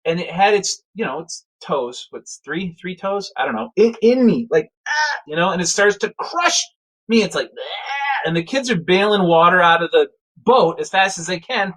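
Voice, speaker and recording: A man telling a casual spoken anecdote in a rambling, animated way, full of fillers and restarts. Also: high-pitched, moderate pace, low-quality recording. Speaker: storyteller.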